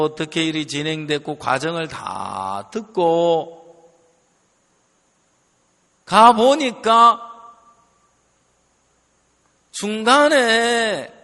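A man delivers a sermon as a story, his voice high and leaping up and down in pitch. He talks slowly and quotes the people in his story as he goes. The sound carries a long reverb, as in a large church. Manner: animated storytelling, quoting others, laughing at times. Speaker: pastor.

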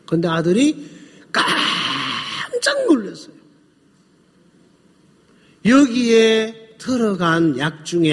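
Animated male storyteller in a hall. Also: high voice, husky. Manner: animated, drawn-out, addressing listeners. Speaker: speaker. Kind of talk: storytelling talk to an audience.

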